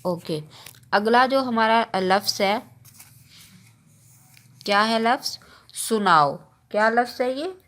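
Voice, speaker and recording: A woman's voice: fairly high pitch, animated, slow, long pauses, a bit bright. A woman teacher giving an online lesson to young children. She spells each word out letter by letter and checks in with the class again and again. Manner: patient, repeats words and checks in often with children.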